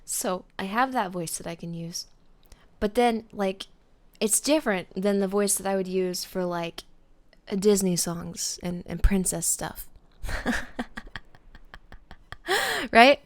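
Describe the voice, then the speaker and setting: Chatting casually on a live stream, this young woman speaks slowly in a mid-range voice and pauses often. Her talk wanders with plenty of fillers and false starts, and she calls out viewers by name.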